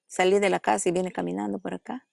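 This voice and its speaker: A woman's voice: medium pitch, little pitch movement, fast talker, creaky, a little mellow, no room sound. A woman pastor from the Amazon jungle giving her testimony in an interview, telling the story and acting out the quoted dialogue, recorded at a family house in a jungle village. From Amazon jungle region.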